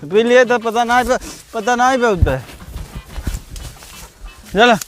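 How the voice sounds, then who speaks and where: Comedy sketch town drunk, male actor, Bhojpuri-accented, high-pitched, unhurried, slurring and repeating himself. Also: animated, a bit bright, faint music behind, exaggerated voice. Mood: pestering. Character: drunk village son, rambling and teasing his father. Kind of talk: rural comedy sketch acting.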